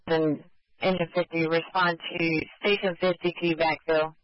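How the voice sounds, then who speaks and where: A man's voice: a little high, flat delivery, measured pace, dry recording. A man working as a fire dispatcher, giving terse acknowledgements over the radio. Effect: two-way radio. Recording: dull lo-fi radio channel.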